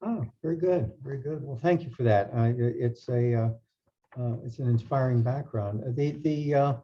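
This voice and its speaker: A man moderating a panel discussion, halting with many fillers and restarts. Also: mid-range voice, dark tone. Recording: dull lo-fi sound.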